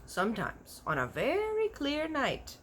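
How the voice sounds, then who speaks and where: An earnest, kindly giant from a children's storybook, acted out by a woman, proud and a little touchy, with folksy, muddled grammar. The pitch is raised and swings widely, over a noticeably noisy recording. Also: huge pitch swings, measured pace, a bit bright, exaggerated voice. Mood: wonder, earnest. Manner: folksy broken grammar with invented words. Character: big-eared kindly giant, earnest, proud, easily offended. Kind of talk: animated children's storybook character voice.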